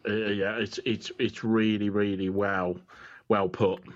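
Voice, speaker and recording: A man's voice: on the low side, little pitch movement, a little slow, highs cut off, background noise. A man with a British accent co-hosting a casual chat in an agreeable, emphatic way. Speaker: podcast co-host.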